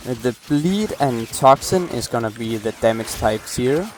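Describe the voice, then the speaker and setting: A man's voice: medium pitch, lively intonation, unhurried, a little hiss or hum. Tired young man explaining a game build. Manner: apologetic, rambling, many restarts. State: late-night, coughing. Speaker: gameplay guide creator. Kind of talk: casual game build walkthrough.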